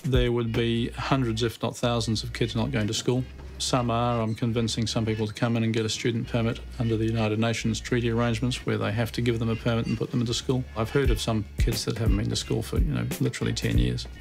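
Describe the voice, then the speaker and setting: A man's voice: mid-range voice, level tone, quick pace, vocal fry, hardly any pauses, soft background music. A man who is a lawyer, answering interview questions in a plain, matter-of-fact way.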